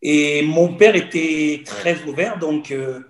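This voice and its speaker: A crowd can be heard behind this Cameroonian man in his 40s as he speaks slowly, his voice on the high side. As a guest, he gives an earnest personal testimony in conversation, repeating phrases as he tells his story, and the room echoes.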